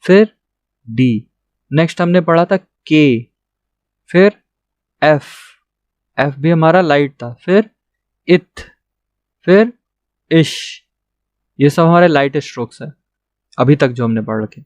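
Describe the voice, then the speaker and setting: A man's voice: a little high, animated, takes it slowly, long pauses, a little mellow, dry recording, muffled recording. A young man patiently teaching a shorthand lesson, checking in with "theek hai" after each point. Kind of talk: classroom lesson.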